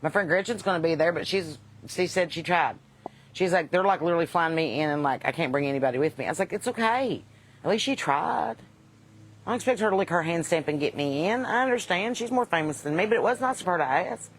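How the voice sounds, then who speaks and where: A woman's voice: lowish voice, quick pace, slight background noise. A woman from Kentucky with a Southern US accent chats casually to livestream viewers as host, folksy, unpolished and wisecracking. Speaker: host and singer chatting with live viewers.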